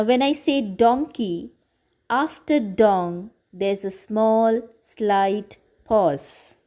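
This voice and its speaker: A woman teacher giving a patient grammar lesson to children, repeating words slowly and clearly. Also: mid-range voice, warm tone. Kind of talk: slow classroom grammar lesson.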